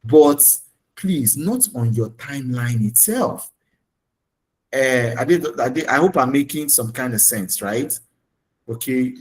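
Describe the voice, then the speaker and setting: A man's voice: mid-range voice, lively intonation, slow pace, poor audio. Man, Nigerian English accent, webinar speaker, emphatic, tag questions, video call audio. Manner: emphatic, tags points with "okay?" and "right?". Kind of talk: coaching talk on a webinar.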